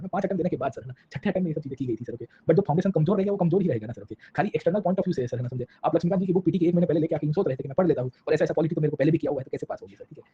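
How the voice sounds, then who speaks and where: A man's voice: sits high, warm tone, muffled recording, slight background noise. A man teaching a recorded history lecture who mixes in English phrases and keeps asking his students whether they follow, with asides about exam preparation.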